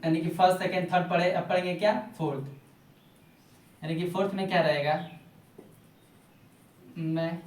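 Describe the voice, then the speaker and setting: A man teaching spoken English in Hindi, drawing out English words slowly and repeating phrases. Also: sits high, fairly even intonation, a little mellow, far from the mic. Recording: roomy echo, voice off-mic.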